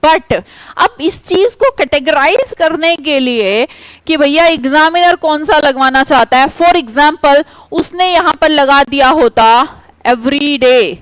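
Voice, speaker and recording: A woman leads an online English grammar class. Her voice sits high, and she talks briskly, pressing students for quick answers. The sound is dry and close to the mic. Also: animated, fairly bright tone, no room sound, low-quality recording.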